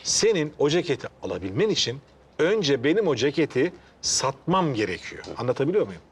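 A polite wordy jacket owner, kinda high voice, super formal sitcom guy. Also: big pitch swings, brisk, husky. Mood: patiently formal. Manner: courteous, turns flowery and formal. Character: polite, long-winded man reclaiming his jacket. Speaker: sitcom character. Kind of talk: comedy series acting.

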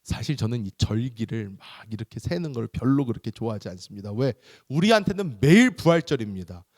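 A middle-aged male pastor giving a sermon in an animated storytelling manner. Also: mid-range voice, fairly quick, no room sound, studio quality. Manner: animated storytelling, acts out voices.

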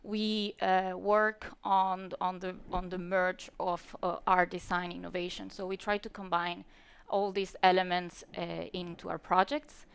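A woman's voice: fairly low pitch, level tone, a little slow, vocal fry, slight background noise. A woman from Venezuela giving a conference talk on lighting design, speaking hesitantly with many fillers and restarts. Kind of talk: conference presentation. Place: stage at a lighting industry event. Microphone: handheld mic.

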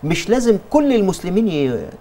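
A man's voice: sits high, very animated, a little fast, a crowd in the background. A man with an Egyptian accent answering religious questions in a TV studio, explaining with emphasis and frequent restarts.

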